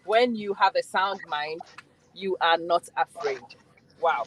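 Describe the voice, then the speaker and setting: A woman's voice: lowish voice, slow pace, a bit bright, a little hiss or hum, low-quality recording. Reflective woman hosting a book chat. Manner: reflective, thinks aloud, self-deprecating. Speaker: book club host. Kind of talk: casual group book discussion.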